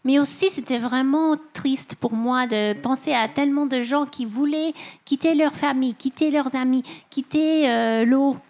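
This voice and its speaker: A woman's voice: high-pitched, a little slow, darkish tone. A woman novelist answering interview questions in non-native French with a foreign accent, searching for her words. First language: not French. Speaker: novelist, festival guest. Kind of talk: interview answers at a literary festival.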